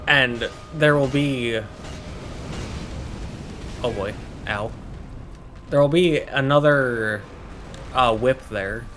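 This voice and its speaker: A man's voice: mid-range voice, extremely slow, pauses often, fairly bright tone, a little hiss or hum. Chatty man narrating his gameplay. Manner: chatty, joking asides. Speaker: gameplay commentator. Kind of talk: casual gameplay commentary.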